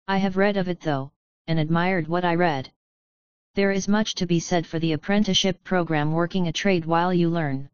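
A woman voicing a formal, polite female diplomatic counselor in a storybook reading, speaking with measured courtesy. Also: on the low side, clean tone, no echo, highs cut off, natural voice.

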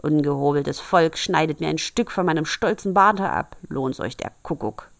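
A woman's voice: medium pitch, animated, moderate pace, no room sound, studio quality, pitched above the performer's own voice, natural voice. A woman voicing a bad-tempered, grumbling male dwarf who screeches and scolds in a storybook reading. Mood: scolding.

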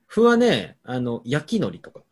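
A young adult man hosting a casual comedy chat, reading out listener answers and spinning playful, deadpan absurd riffs. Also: mid-range voice, a little slow, slightly rough. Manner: playful, riffing on jokes with deadpan absurd claims.

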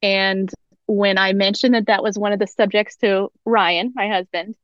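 A woman's voice: mid-range voice, steady tone, moderate pace, dry recording, highs cut off. A young woman, a podcast guest, who is effusive and giggles often. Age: young adult. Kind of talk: casual podcast chat.

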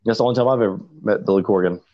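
Laid-back blunt man, lowish voice. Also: rapid-fire, mellow. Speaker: podcast co-host. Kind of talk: casual podcast storytelling. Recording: dull lo-fi sound.

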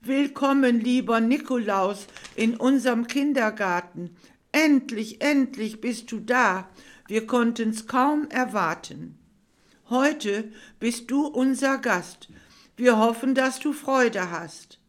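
Little storybook girl, high and piping, loud and eager, put on by a woman reader. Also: takes it slowly, few pauses. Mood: eager recital. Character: shy little kindergarten girl.

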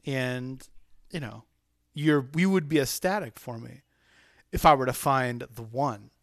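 Male podcast host, medium pitch, rambling casual chat, dry close sound. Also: a little slow, no room sound. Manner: rambling, self-interrupting, animated.

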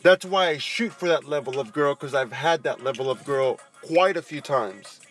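A man's voice: mid-range voice, moderate pace, a bit bright, faint music behind. A man talking like a cocky frat bro in a casual podcast chat, full of slang and swearing. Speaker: podcast co-host.

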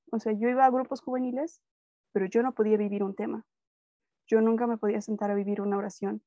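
A young Mexican woman with a Mexican Spanish accent shares her personal faith testimony as a guest in a casual chat. Her medium-pitched voice is mellow, and she tells her story animatedly, acting out dialogue. The recording is dry and lo-fi.

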